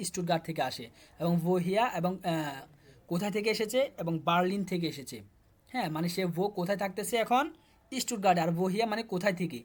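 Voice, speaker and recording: Fast-talking Bangladeshi man teaching German. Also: high-pitched. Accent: Bangladeshi Bengali. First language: Bengali. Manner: talks students through textbook exercises, repeating words. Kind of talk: casual explanatory lesson.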